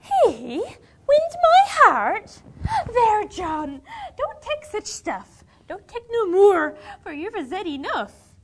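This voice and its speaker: A woman's voice: extremely high pitch, sing-song, a little mellow, a little hiss or hum, full character voice. A woman playing a teasing young girl, reciting a dialect verse dialogue with a playful, scolding manner. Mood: indignant. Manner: playful, scolding, quick to laugh. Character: young country girl sweetheart, pert and teasing.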